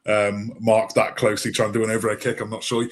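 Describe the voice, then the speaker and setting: A man's voice: fairly low pitch, flat delivery, quick pace. A man co-hosting a casual football podcast, a referee himself, talking things through with many fillers and tag questions. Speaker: co-host, referee.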